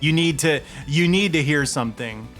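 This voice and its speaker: A man's voice: a little high, normal speed, fairly bright tone, soft background music. A man streaming a retro video game live, chatting and joking with his viewers as he plays. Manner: jokey, chatty, laughs often, talks to chat. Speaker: streamer playing retro games. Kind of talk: casual live game commentary.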